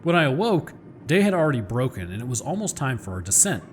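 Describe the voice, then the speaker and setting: A man reading a scripted horror story as its narrator, in a measured, formal, literary storytelling manner. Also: mid-range voice, sing-song, a little hiss or hum. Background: background music.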